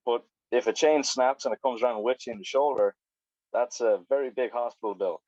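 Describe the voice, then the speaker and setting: An Irish man, a biker guest on a video call, rambles casually about motorbikes, swearing and then apologizing. His mid-pitched, mellow voice moves fairly quickly. The audio is dull and lo-fi but echo-free.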